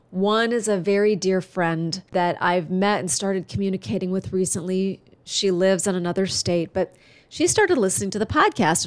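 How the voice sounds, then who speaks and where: With a lowish voice and no echo in the recording, a female podcast host delivers a solo monologue. She's clearly congested, yet she stays chatty and earnest, encouraging her listeners warmly.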